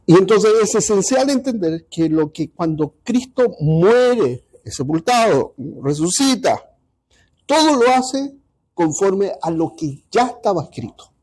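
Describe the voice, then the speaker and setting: A man teaching a Bible study class, pausing often and checking in with his listeners. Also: sits high, sing-song, a little mellow. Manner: halting, repeats ¿ya? to check understanding.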